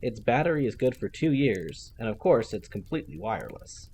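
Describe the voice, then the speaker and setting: A man voicing an arrogant teenage genius who talks in a crisp, formal way. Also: medium pitch, big pitch swings, brisk, a little mellow, a little hiss or hum. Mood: cool. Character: arrogant young teen male genius, cool and precise.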